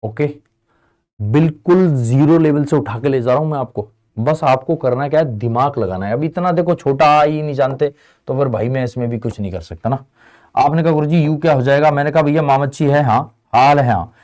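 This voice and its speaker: A man's voice: mid-range voice, a little fast, darkish tone. A young man teaching a lesson in a chatty way, often asking students whether they follow. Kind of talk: classroom lesson.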